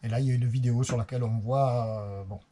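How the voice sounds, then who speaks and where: A man's voice: mid-range voice, steady tone, fast talker, background noise. A man with a Marseille accent, a sailing vlogger talking casually to camera in a chatty, meandering, plain-spoken way. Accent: Marseille French. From Marseille, France.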